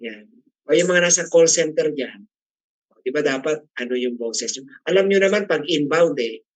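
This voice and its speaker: A middle-aged man runs a relaxed classroom discussion. His voice sits a little high, and the sound is dry and close. He is chatty and teasing and keeps asking the group questions. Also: normal speed, dry recording, poor audio. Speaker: class facilitator.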